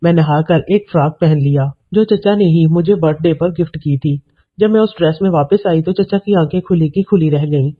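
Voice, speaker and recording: A man narrating a scripted story in a steady, even reading manner. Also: on the high side. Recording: tinny, phone-like audio.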